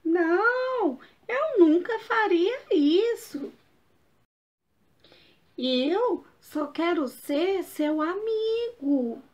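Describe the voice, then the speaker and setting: A woman's voice: lively intonation, drawn-out words, heavily acted. Woman voicing a tearful little puppy. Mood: earnest. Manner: high, tearful childlike voice. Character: sad lonely little male puppy, easily discouraged. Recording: dull lo-fi recording.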